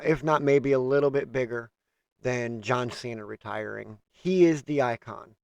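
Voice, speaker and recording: A man's voice: medium pitch, gravelly, darkish tone, no room sound. A man hosting a casual wrestling review, steadily running through a list of news items. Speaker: host.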